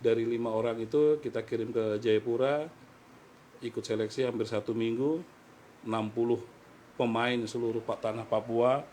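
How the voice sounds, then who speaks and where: A middle-aged man speaks in a talk-show conversation, earnest and fatherly, as he recounts raising and coaching a young player. His pitch sits at an ordinary middle level, with a faint hiss of background noise in the recording. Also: fairly even intonation, normal speed, a little mellow, poor audio. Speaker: guest, foster father and football mentor. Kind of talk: heartfelt conversational storytelling.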